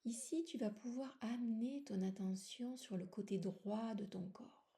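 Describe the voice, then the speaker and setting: Speaking at a fairly high pitch with vocal fry, a yoga nidra guide eases listeners into relaxation. She is soft and unhurried, using short phrases, long pauses and an occasional near-whisper.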